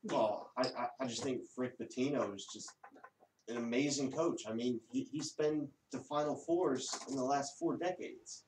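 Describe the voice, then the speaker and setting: A man's voice: mid-range voice, normal speed, darkish tone, a little hiss or hum. A man co-hosting a casual sports chat, easygoing and analytical about college basketball. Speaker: podcast co-host. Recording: roomy echo.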